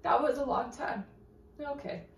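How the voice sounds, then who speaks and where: A woman's voice: sits high, steady tone, measured pace, recorded from a distance, slight background noise. A woman vlogging at home, muttering to herself, swearing and joking in exasperation. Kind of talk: casual chatter to camera. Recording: roomy echo from off-mic.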